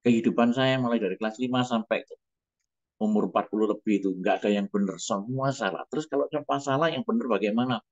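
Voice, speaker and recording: Middle-aged pastor, very low voice, emotional testimony, muffled dry recording. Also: male voice, darkish tone, no echo. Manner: emotional, halting, breaks off and restarts. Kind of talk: personal testimony.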